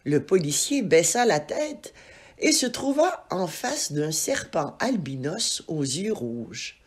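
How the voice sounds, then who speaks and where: A woman reads a children's story aloud in an expressive, animated way. Her voice is husky and breathy, and she takes an unhurried pace. Her pitch rises and falls widely as she tells it. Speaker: narrator. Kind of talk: storybook reading.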